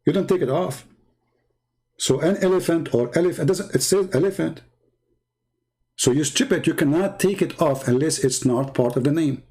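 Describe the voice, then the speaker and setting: A man's voice: fairly high pitch, warm tone, slightly rough. A man hosting a heated live debate, combative and mocking, talking over his opponents. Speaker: debate host.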